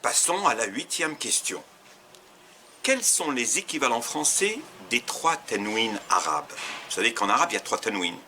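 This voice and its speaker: A man teaching, who reads out quiz questions to learners and slowly repeats each set of answer choices. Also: mid-range voice, big pitch swings, sharp tone, a little hiss or hum. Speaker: Arabic teacher.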